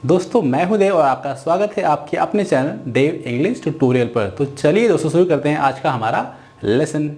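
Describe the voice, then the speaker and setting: A man teaching English letter sounds in a phonics lesson, repeating each sound slowly. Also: fairly high pitch, expressive, a little mellow. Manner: slow, drawn-out repetition of sounds.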